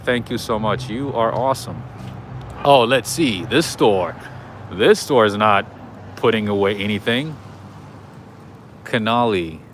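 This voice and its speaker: A man's voice: fairly low pitch, measured pace, pauses often, slight background noise. A man hosting a live walking tour outdoors on a city street, chatting casually and greeting viewers by name. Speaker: livestream host.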